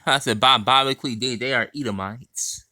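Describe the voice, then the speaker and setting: Bright, dry-voiced man citing scripture. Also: mid-range voice, fairly quick, dry recording. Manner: cites chapter and verse, reads passages aloud, insistent. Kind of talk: scripture quoting and commentary.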